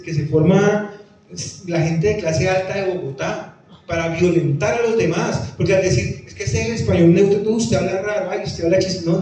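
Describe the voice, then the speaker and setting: A man's voice: sits high, warm tone, distant mic, slight background noise. Emphatic Tolima-accented man in an echoey hall. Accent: Tolima Colombian Spanish. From Tolima, Colombia. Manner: emphatic, repeats phrases, acts out quoted voices. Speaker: lecturer on the Pijao language. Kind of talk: conference talk answering audience questions.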